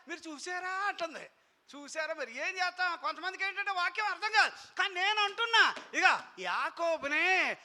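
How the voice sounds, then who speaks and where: A man preaching a sermon as pastor, telling a story in an animated way, acting out the voices of biblical figures and calling on the congregation to answer aloud. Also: very high voice.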